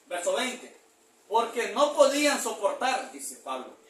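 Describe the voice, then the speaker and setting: High bright-voiced preacher in a church. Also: male voice, very animated. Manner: reads verses slowly, repeats "hermano" often. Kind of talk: sermon. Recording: echoey church hall from far off.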